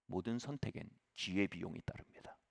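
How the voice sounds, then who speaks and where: A man's voice: sits low, lively intonation, fairly quick, gravelly. A middle-aged man preaching a sermon as pastor, telling a story with sudden emphatic rises.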